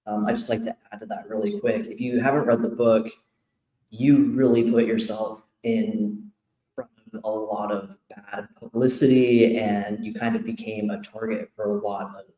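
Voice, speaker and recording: A man's voice: fairly low pitch, level tone, moderate pace, mellow. A man panelist adding an earnest, supportive comment. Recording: echoey room.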